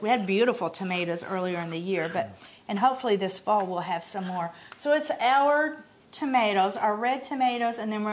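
A middle-aged woman from Oklahoma, co-hosting a casual home cooking video and explaining each step as she works. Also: medium pitch. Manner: chatty and explanatory. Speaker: cooking channel co-host.

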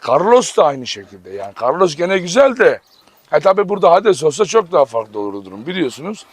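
A man's voice: on the high side, no room sound. A man running a dog farm vlog, calling commands to his dogs and talking animatedly to his viewers. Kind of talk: casual vlog narration.

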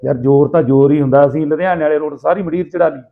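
A man with a Malwai Punjabi accent casually telling anecdotes in rough, earthy, animated banter, acting out people's dialogue. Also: fairly high pitch, rapid-fire. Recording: tinny, phone-like narrow sound.

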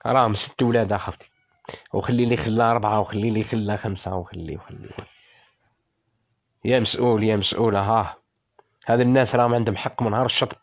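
A man's voice: lowish voice, steady tone, very fast. A man in his fifties with an Algerian Arabic accent, a former soldier making an emotional, indignant appeal on a livestream and repeating phrases as he pleads. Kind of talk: impassioned live-stream appeal.

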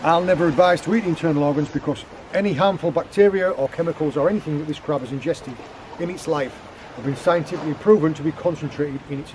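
His voice sits on the high side with a darkish tone, and there's slight background noise. The man, in his thirties and appearing as a guest forager, demonstrates cooking on a rocky beach, explaining seafood preparation step by step as his hands work in a casual outdoor lesson.

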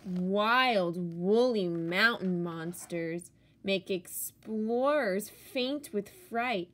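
A female teacher reads a picture book aloud to children, leaning theatrically on key words. Her pitch sits in the middle, and she goes very slowly.

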